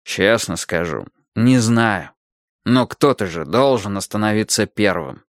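A man voicing a kind, thoughtful old grandfather who speaks slowly and reflectively in an audiobook story. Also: on the low side, animated, no echo, studio quality. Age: older. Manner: slow, gentle, reflective.

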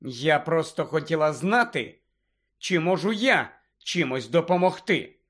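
Brief: a man voicing a composed teen girl, cold even delivery, high voice. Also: a little slow, slightly rough, full character voice. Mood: cool. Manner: cold, calm. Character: cool, self-assured teenage girl.

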